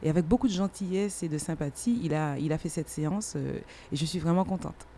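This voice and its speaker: A woman's voice: low-pitched, brisk. A woman who is a singer, pianist and vocal coach, telling a story in an interview and laughing easily. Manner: laughs easily, animated when amused.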